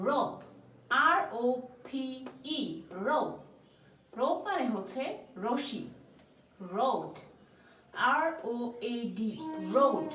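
A woman's voice: fairly high pitch, pushed and bright. A woman teaching an English vocabulary lesson, spelling each word letter by letter and then giving its meaning. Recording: echoey room, voice a bit far from the mic, faint background noise.

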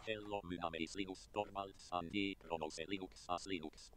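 Deep robotic male text-to-speech voice. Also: normal speed, very noisy. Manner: flat, mechanical, evenly clipped words. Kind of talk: synthesized reading of typed text.

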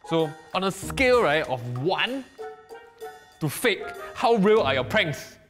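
Young singaporean guy, singlish banter, kinda high animated voice, comedy interview host, music in the back. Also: slow. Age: young adult. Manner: Singlish particles, playful troll banter. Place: indoor office studio set. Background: background music.

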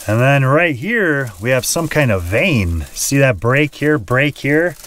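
A man's voice: medium pitch, expressive, slow pace, a bit bright. A man narrating his own outdoor prospecting vlog at an abandoned mine, thinking aloud and pointing things out as he goes. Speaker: gold prospecting vlogger.

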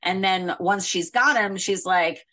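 A woman's voice: medium pitch, unhurried, pushed and bright. A woman hosting a podcast in casual discussion, chatty and full of fillers. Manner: chatty, uses many fillers. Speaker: podcast host.

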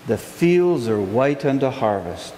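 A man in his forties, a pastor preaching a sermon from the pulpit in slow, emphatic phrases. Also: medium pitch, sing-song, dark tone. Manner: earnest, gestures a lot, slow emphatic phrases. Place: church sanctuary, indoors. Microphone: pulpit mic, far camera. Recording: echoey sanctuary with long reverb, faint hiss.

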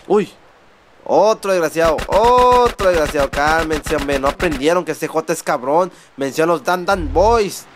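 A man with a Mexican accent doing excited, swearing gameplay commentary as a gaming host. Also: on the high side, a little slow, noisy background. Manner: excitable, swearing, mock-shouting at the game.

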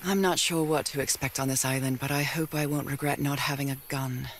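A woman's voice: very deep voice, fairly even intonation, brisk, a little hiss or hum. An actress playing a curious 1930s woman explorer in a video game, musing to herself in a thoughtful, wry way. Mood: wry, pondering. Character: Norah, curious 1930s woman exploring an island for her husband. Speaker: game protagonist narrator. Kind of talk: scripted musing monologue. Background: background music.

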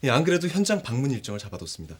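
A man's voice: medium pitch, sing-song, racing, a little hiss or hum, lightly acted. A man playing a courteous, businesslike company director in a Korean TV drama, speaking politely and formally. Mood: deferential.

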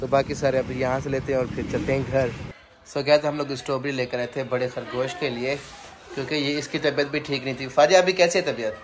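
With a little hiss or hum in the audio, a family vlogger speaks fairly quickly in a mid-range voice with fairly even intonation. He's out and about at shops and a market, chatting with his viewers as guys and teasing the children he's with.

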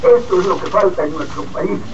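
An elderly man, phoning in to a talk radio show and giving his opinion in an indignant, halting way, often repeating words. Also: sits high, animated. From Peru. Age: 80s. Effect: caller heard over a phone line. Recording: muffled distant phone line with hiss.

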